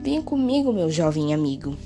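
A woman voicing a sinister old male vampire count who speaks slowly and with polite menace in a storybook reading. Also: deep voice, very animated, music in the background. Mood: calm menace.

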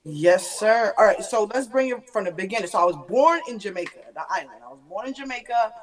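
A woman from Queens, New York, a battle rapper, chatting relaxed and laughing easily as an interview guest. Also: mid-range voice, a little fast, distant mic. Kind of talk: casual interview chat.

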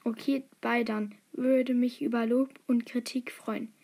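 High-voiced, excitable young woman. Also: unhurried, creaky, husky. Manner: excitable, giggly, drops to whispers. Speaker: quiz taker reading aloud. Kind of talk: casual chat, reading a quiz and story aloud.

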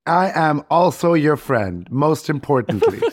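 A man's voice: a little high, very animated, unhurried, no room sound, studio quality. A man speaking as a podcast guest, introducing himself casually. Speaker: podcast guest, game designer, professor.

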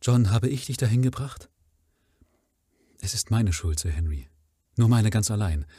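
A man's voice: lowish voice, expressive, moderate pace, mellow, husky, no echo, clean studio sound. A man reading aloud, voicing a frightened woman, a servant's wife, who desperately confesses and takes the blame.

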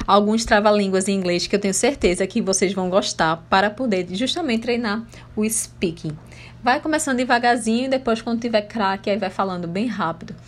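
Woman, Brazilian Portuguese accent, English teacher, chatty podcast lesson, rhetorical questions, slight background hiss. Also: mid-range voice. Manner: chatty, poses questions to listeners and answers them herself.

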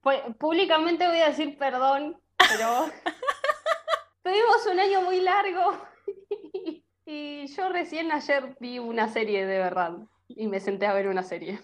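A lively Argentine woman talking on a podcast, her voice pitched a bit high. She jokes around and speaks freely in relaxed chat. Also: unhurried. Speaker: guest. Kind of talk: casual chat.

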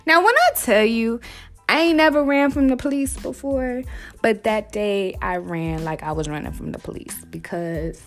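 A young woman casually telling a wild story to her listeners, animated and swearing freely, calling them y'all. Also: fairly high pitch, normal speed, soft background music.

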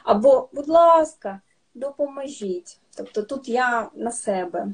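A high-pitched Ukrainian woman with a soft, breathy voice. She teaches signs patiently in a casual chat, pausing often with fillers and restarts. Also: lively intonation. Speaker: sign language teacher, guest.

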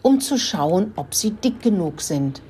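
A woman's voice: medium pitch, very animated, unhurried, mellow, husky, exaggerated voice. A woman voicing frightened nanny goats in a children's story, in a bleating way.

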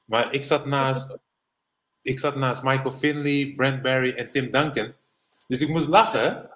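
A middle-aged man from the Netherlands, a former professional basketball player, telling animated anecdotes as an interview guest. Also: medium pitch, unhurried. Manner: animated anecdotes, mimics others in English quotes. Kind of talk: casual storytelling interview.

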